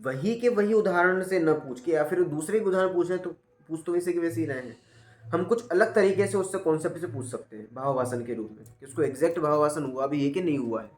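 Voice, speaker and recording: A man's voice: a little high, fairly quick. Man giving patient class feedback. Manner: patient, repeats "ठीक है ना?" to check understanding. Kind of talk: spoken feedback in a class session. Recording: roomy echo.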